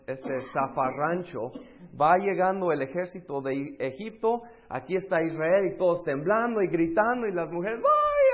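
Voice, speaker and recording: A man preaching a lively sermon, slipping into the voices of the people in his story. His voice sits fairly high with a gravelly edge. The recording sounds dull and lo-fi. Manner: acts out quoted voices, shifts between loud and hushed.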